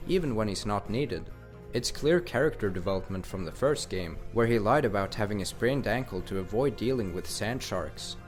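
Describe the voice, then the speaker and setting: A man narrating a scripted countdown of favorite video game characters, enthusiastic with casual slang. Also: lowish voice.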